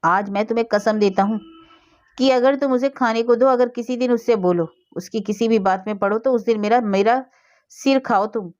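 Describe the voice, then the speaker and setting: A woman's voice: a little high, level tone, fairly quick, a little mellow, close to an everyday voice. A woman voicing a stern middle-aged husband who speaks harshly, in a slightly dull recording.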